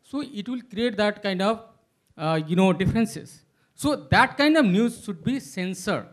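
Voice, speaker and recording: A man poses a long, rambling question to a panel. His voice sits high for a man, and he halts often, filling the gaps with "uh" and "you know." It sounds like off-the-cuff speech from the audience floor. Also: animated. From Nepal. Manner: halting, many filler sounds. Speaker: audience member asking a question. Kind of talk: hesitant spoken question at a panel.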